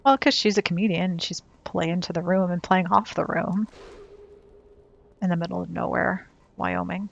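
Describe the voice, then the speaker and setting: Low, gravelly-voiced woman gaming. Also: steady tone, moderate pace, highs cut off, a little hiss or hum. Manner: chatty, wry, talks to the game. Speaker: streamer playing a video game. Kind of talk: casual chat while gaming.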